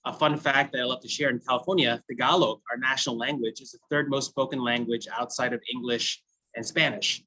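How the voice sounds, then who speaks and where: On a low-quality recording, a US food brand founder in his thirties tells a class his story in casual, chatty fashion, laughing often and using many fillers like "you know." His medium-pitched voice is steady in tone, a little fast, pushed and bright.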